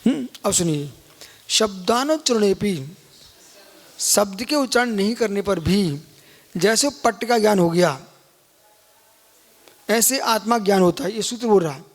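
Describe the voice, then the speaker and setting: A man's voice: sits high, normal speed, pauses often. A man, a Jain monk, giving a live scripture lecture and keep prodding listeners with questions. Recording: long hall reverb.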